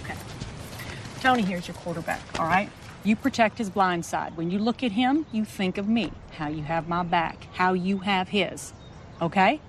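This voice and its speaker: A woman's voice: on the low side, normal speed, close to an everyday voice. An actress playing a firm, caring adoptive mother who coaxes a boy, in a film clip. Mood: firm, coaxing. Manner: firm, coaxing. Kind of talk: film scene. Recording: noisy outdoor film clip.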